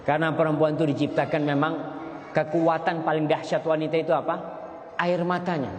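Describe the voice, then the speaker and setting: A man's voice: level tone, a little fast. Man preaching in an echoey hall. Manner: storytelling, voice leaps higher for emphasis. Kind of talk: marriage advice sermon. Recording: echoey hall with long reverb, faint noise.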